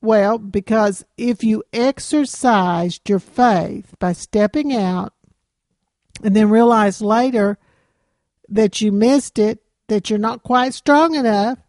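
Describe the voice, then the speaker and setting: A woman teaching a Bible lesson in a relaxed, conversational way, asking her listeners questions as she goes. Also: a little high, slow, dry recording, studio quality. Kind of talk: sermon. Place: small room, no live audience.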